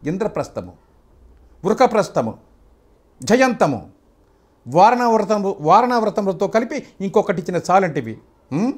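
A man's voice: sits high, big pitch swings, normal speed, long pauses, a little mellow. An older man declaiming as a defiant epic king. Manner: declaiming grand classical court speech. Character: proud defiant epic king addressing a royal court. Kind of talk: stage-style mythological dialogue recital.

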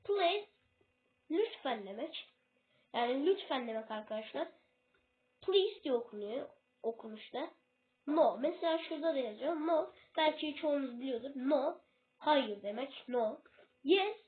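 A woman's voice: high-pitched, lively intonation, moderate pace. A woman giving a casual English lesson in a video, hesitant and often losing her place before correcting herself. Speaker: self-made English tutor. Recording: tinny phone-like recording.

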